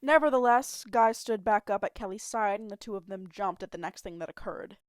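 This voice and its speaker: A woman's voice: mid-range voice, brisk, no echo, clean studio sound. Amateur woman reading a story aloud. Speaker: audiobook reader. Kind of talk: amateur narration of fan fiction. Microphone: home mic, not professional.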